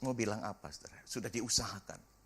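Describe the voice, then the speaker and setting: A middle-aged man, a pastor preaching a sermon and telling a family story with lively acted-out dialogue. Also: lowish voice, brisk, a little hiss or hum. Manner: animated storytelling, acts out family dialogue, sings briefly.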